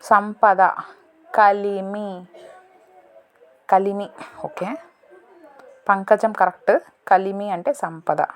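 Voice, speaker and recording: A woman solving a word puzzle in a casual lesson, thinking aloud, slow and deliberate, correcting herself as she goes. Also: mid-range voice, steady tone. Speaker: teacher solving a crossword.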